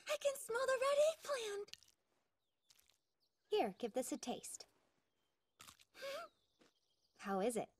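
A cute young anime cook, eager and extremely high, with big swoops in pitch. She takes her time with each line in a girlish dubbed-cartoon manner. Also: wildly swooping pitch, extremely slow, long pauses, slight background noise, exaggerated voice. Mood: eager, surprised. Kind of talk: animated English anime dub.

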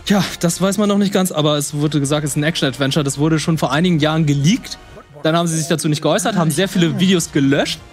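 A man's voice: fairly high pitch, fast talker, faint music behind. A man hosting a games show, chatting casually and explaining in a matter-of-fact, informative way. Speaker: games show host presenting trailers. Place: studio living-room set, indoors.

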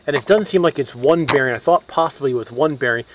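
A DIY mechanic talks fast in a medium-pitched voice as he narrates a casual repair in his yard, thinking out loud with fillers and restarts. He wears a head-mounted camera, and crickets, insects, and other background noise can be heard.

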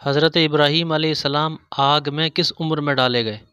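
Man, quiz host, scripted narration, sharp bright tone, smooth clear voice. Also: fairly high pitch, steady tone, no room sound, lo-fi sound. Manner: reads each question, pauses over the options, then states the answer.

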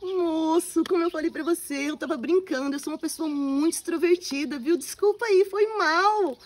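A woman's voice: very high voice, normal speed. A young woman with a Brazilian accent playing a spoiled, scornful girl in an amateur comedy skit. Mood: embarrassed. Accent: Brazilian Portuguese. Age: young adult. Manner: haughty, scornful, whiny. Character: spoiled, snobbish young woman chasing wealth.

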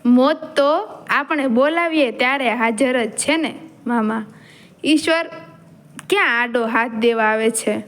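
A woman's voice: a little high, a little slow, long pauses, a bit bright. A woman storyteller voicing a bold young male warrior chieftain who scorns death, speaking in proud, defiant declarations. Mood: scornful.

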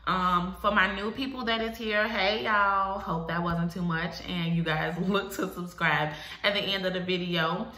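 A young woman, a hair vlogger, chats casually and emphatically straight to her viewers, her voice stuffed-up and nasal from a head cold. Her pitch is fairly low and her intonation fairly even, with an unhurried pace, hardly any pauses, and a sharp tone. She is in a small room at home, and the indoor sound is roomy and echoing.

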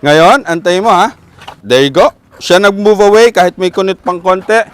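A man with a Filipino accent, a dog trainer coaching an owner outdoors with calm, repeated short commands. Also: sits high, moderate pace, clean tone.

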